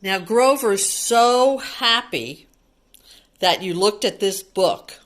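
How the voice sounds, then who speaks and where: Taking her time, a woman with a medium-pitched, expressive voice reads a picture book to young children. Her teacher-like storytime includes plain explanations, repetition and little questions aimed at the kids.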